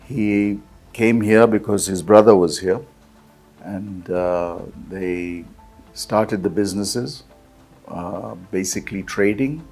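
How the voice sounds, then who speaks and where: A man's voice: on the low side, takes it slowly, a little mellow, faint music behind. An older man in an indoor office interview, speaking steadily and reflectively. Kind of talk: interview recollection.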